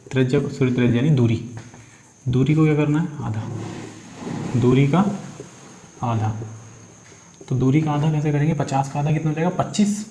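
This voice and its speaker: A man with a mellow, mid-range voice teaches physics, working step by step through numerical problems. He poses questions and answers them himself, calling his students "beta." The room is echoey, with faint insect noise.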